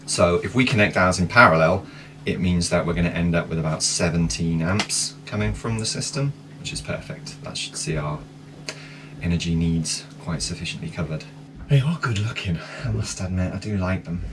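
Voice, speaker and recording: Sailing vlogger, thirties, very low voice, plain step-by-step explainer, picked up by a distant camera with steady noise. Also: male voice. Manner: relaxed, practical, explains step by step. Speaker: sailing vlog host. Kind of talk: casual explainer. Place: inside a sailboat cabin. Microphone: wide camera across a table.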